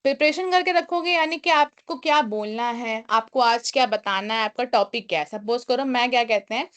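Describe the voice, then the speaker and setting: A young woman teaching a live online class, explaining step by step, reading English lines slowly and then restating them, often pausing on a filler phrase. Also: a little high, a bit bright. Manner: frequent filler "kya kehte hain".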